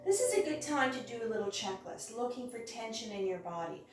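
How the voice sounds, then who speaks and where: A woman teaching a hatha yoga class, guiding each step in a careful, unhurried way. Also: fairly high pitch, lively intonation. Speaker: yoga instructor. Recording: very echoey room, distant mic, music.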